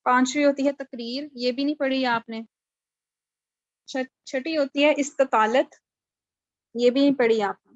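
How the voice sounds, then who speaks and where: A woman's voice: high-pitched, fairly even intonation, long pauses, no room sound, highs cut off. A woman teaching a live online class on Quran recitation rules, explaining patiently and checking on her students with questions. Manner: explanatory, mixes English terms into Urdu, checks understanding with questions. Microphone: video call microphone.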